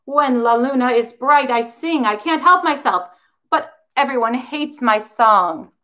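Woman doing a storybook coyote, male, friendly, eager singer, gentle read-aloud voice. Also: sits high, lively intonation, measured pace, pitched above the performer's own voice. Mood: hopeful. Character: friendly male coyote who loves singing.

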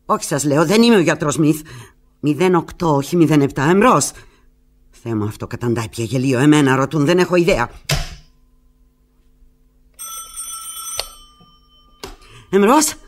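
Alone on the telephone in a theatrical radio piece, the lovelorn woman voiced by this actress sounds anguished, fretful, and pleading, her replies halting. Her low voice is expressive, and the mood turns agitated and exasperated.

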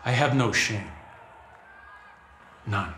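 A man playing a calm, self-assured older man in a web series drama. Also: lowish voice, drawn-out words, roomy sound, some chatter behind, a little hiss or hum, exaggerated voice.

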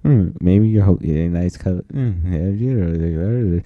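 This man ad-libs a silly parody dub, repeating nonsense and cracking crude jokes as an amateur voice actor. He speaks low and unhurried, and the audio is narrow and tinny with no room sound.

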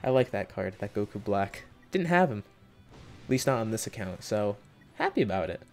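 A young man hosting a mobile game summoning video, talking casually to viewers and yelping with excitement between low muttered comments. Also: moderate pace, faint music behind. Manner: excitable, jumps into high yelps when hyped, muttering between pulls. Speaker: gaming video host. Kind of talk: casual gacha summon reaction.

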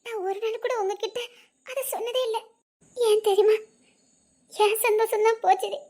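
A woman's voice: very high-pitched, moderate pace, vocal fry. A woman voicing a wounded young wife who speaks in a tearful, bitter, accusing way in a spoken drama. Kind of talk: Tamil audio drama acting.

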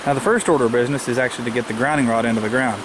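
A DIY vlogger talks at medium pitch and rapid-fire speed, giving a casual, unscripted hands-on tutorial while thinking aloud. He works outdoors in a rural yard, and the noisy camcorder audio clearly picks up the outdoor ambience.

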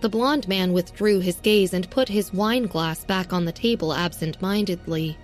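Low-voiced woman narrating a serial story. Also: normal speed, soft background music. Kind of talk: scripted audiobook narration.

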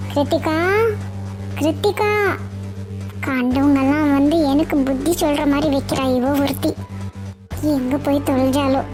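A woman's voice: high-pitched, lightly acted. A woman voicing an anxious mother in a cartoon, worried and scolding as she calls out for her missing daughter. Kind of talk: cartoon voice acting. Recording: faint music behind voice.

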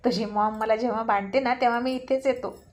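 A woman's voice: on the high side, steady tone, brisk, natural voice. A woman reading the lines of an easygoing, teasing middle-aged father in a storybook tale, giving affectionate, coaxing advice. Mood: fond.

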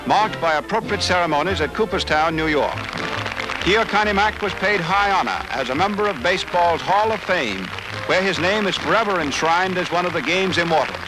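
A man narrating an old newsreel in a brisk, formal announcer manner. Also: high-pitched, animated, music in the background, low-quality recording.

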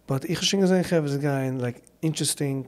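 A man's voice: on the high side, racing, a little mellow. Man casually interviewing a guest. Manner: asks loose questions, mixes in English. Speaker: host and interviewer.

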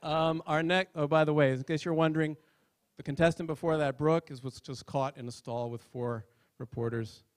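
A man's voice: a little high, steady tone, moderate pace, clear, resonant tone. A man emceeing a comedy contest in a hall, introducing acts with dry, teasing asides. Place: conference hall on stage.

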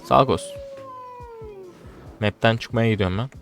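A young man commentating his own gameplay, getting frustrated and swinging between low muttering and loud outbursts. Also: measured pace, vocal fry, faint music behind. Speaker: gaming streamer.

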